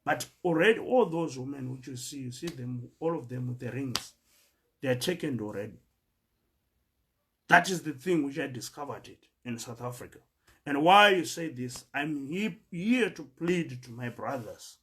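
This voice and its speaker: A Zimbabwean man with a Zimbabwean accent addresses fellow migrants in an earnest monologue, citing scripture and stumbling as he repeats words while searching for the next one. His voice is medium-pitched and bright, with lively intonation, a forceful tone and a normal speed.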